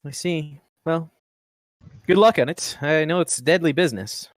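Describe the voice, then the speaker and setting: A man voicing a worldly ship captain in a tabletop game, talking in a measured, dry and probing way. The sound is close and dry, with no room around it. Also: a little high, no room sound, pitched above the performer's own voice, natural voice. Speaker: game master. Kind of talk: tabletop role-play.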